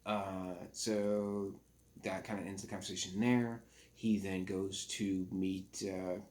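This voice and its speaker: Halting, low-voiced man recapping a film. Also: level tone, darkish tone. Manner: rambling, halting, with frequent fillers and self-corrections. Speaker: movie reviewer. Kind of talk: casual spoken movie review recap.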